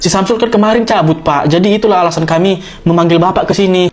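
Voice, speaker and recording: Figure: woman putting on a deeper, louder stern grown man. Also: lightly acted. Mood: formal. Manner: formal, measured, polite. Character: formal, stern grown man, teacher or father.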